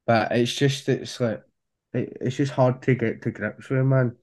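A man's voice: mid-range voice, steady tone, measured pace, a little mellow. A man with a broad Scottish accent, talking informally and slangily as a music artist being interviewed. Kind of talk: casual interview chat.

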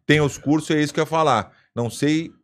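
A man hosting a podcast in casual chat, joking and laughing often with quick asides. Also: a little high. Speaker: podcast host.

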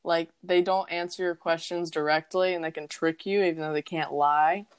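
A woman's voice: on the low side, steady tone, moderate pace, smooth, no room sound. A young woman co-hosting a podcast, chatting casually about a book in a rambling way with lots of fillers. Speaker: podcast co-host.

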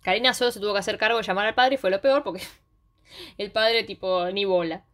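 A young woman with a Rioplatense Spanish accent, recapping a series in casual chat with quick, slangy storytelling. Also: mid-range voice, fairly bright tone. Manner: fast slangy storytelling, acts out characters' lines.

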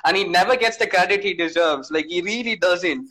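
A man's voice: sits high, fast, sharp tone, poor audio. A man with a South Indian accent from Tamil Nadu, chatting casually and emphatically about film music, switching between English and Tamil.

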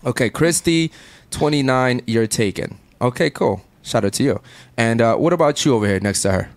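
A man's voice: medium pitch, no room sound. A man hosting a casual podcast chat, brash and profane, firing off questions to guests. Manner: brash, profane, rapid-fire. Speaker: podcast host. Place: Miami studio.

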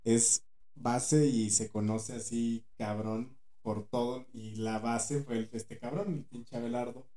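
A man with a Mexican Spanish accent co-hosting a podcast in casual, slangy chat. His voice is dark and mellow at a middle pitch. It rings in a roomy, echoey space. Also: steady tone, slow pace. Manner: slangy, agreeing backchannels. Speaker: podcast co-host. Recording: echoey room.

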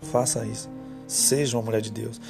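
A man's voice: fairly low pitch, level tone, a little fast, vocal fry, music in the background. A man preaching a sermon, telling a story and then exhorting women directly.

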